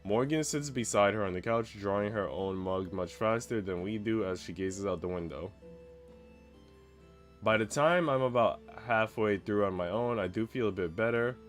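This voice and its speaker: Speaking at a normal speed in a lowish voice, a man streams a game against faint background music. He chats casually, slangy and profane, occasionally breaking off to read visual novel narration aloud.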